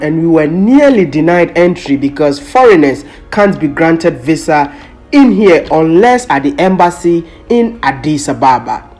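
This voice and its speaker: A man's voice: on the high side, a little mellow. A man from Ghana vlogging his travels in an upbeat, chatty way, full of curious questions. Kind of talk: casual travel vlog narration.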